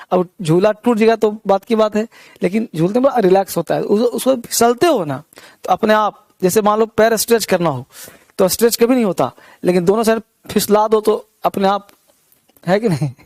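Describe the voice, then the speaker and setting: A man's voice: high voice, a little mellow, no echo. A man teaching English vocabulary, repeating words with memory tricks and quizzing his listeners. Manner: repeats words with rhymes and memory tricks, asks the class questions. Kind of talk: vocabulary lesson.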